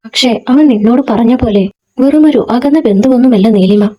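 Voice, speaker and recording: A woman's voice: fairly high pitch, moderate pace, mellow, lightly acted. A woman voicing a young man in a storybook, a frustrated friend pleading to be heard, in an earnest, pressing way.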